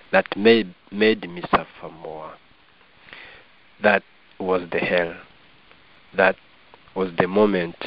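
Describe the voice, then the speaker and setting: A middle-aged man with a deep voice and a Rwandan accent appears as an interview guest, offering reflective personal testimony. He is earnest and measured and phrases things formally, and the audio is slightly dull.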